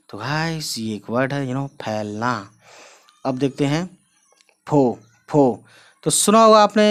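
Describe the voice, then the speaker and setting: A man teaching how to write letters and words in a casual online lesson, chatting along as he writes, often repeating filler phrases to his viewers. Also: mid-range voice. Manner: chatty, repeats "you know" and "guys", explains while writing. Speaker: Urdu script teacher.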